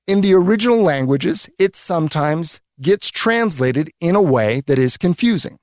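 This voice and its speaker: A man's voice: fairly high pitch, expressive, moderate pace, dry recording, clean studio sound. A man giving a radio devotional Bible teaching, explaining scripture earnestly with stories.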